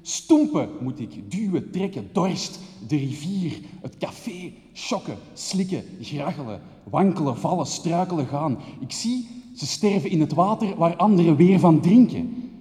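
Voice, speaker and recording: A man performs a poetic spoken-word monologue from a theater stage. He pours out long, rhythmic lists of words with intensity. His fairly high voice rings out with the long reverb of a big hall. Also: lively intonation, measured pace, mellow. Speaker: theater maker giving a speech.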